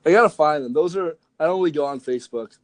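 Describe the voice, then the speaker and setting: A man's voice: a little high, fast talker, a little hiss or hum, low-quality recording. A young man co-hosting a podcast, rambling jokily in casual chat and filling his talk with "like". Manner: rambling, jokey, lots of "like". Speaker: podcast co-host.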